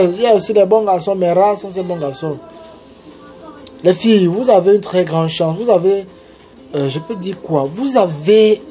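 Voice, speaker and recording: A man delivering a casual, emphatic advice monologue, repeating his points and jumping up in pitch when he urges his listeners on. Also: warm tone. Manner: emphatic and repetitive, preachy. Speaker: vlogger giving love advice.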